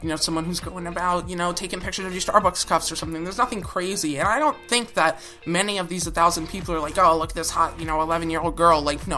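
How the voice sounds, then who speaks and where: A woman's voice: lowish voice, pushed and bright. A young woman hosting a reaction video, talking bluntly and sarcastically and swearing freely. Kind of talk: casual reaction commentary. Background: background music.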